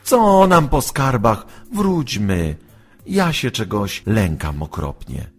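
A man voicing a frightened little girl who pleads and sobs in a high voice. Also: sing-song, slow pace, breathy edge, faint music behind, full character voice. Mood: pleading.

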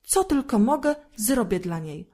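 Woman reading as tiny tender girl, soft pleading voice, mellow warm tone, storybook. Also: fairly high pitch, sing-song, measured pace, husky, full character voice. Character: tiny tender-hearted girl, gentle and tearful.

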